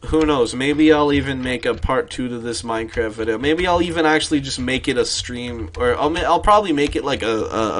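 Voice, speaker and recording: A man's voice: mid-range voice, fairly bright tone. Tired young man rambling casually. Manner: rambling, sweary, with many restarts. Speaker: streamer. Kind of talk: casual late-night rambling while gaming.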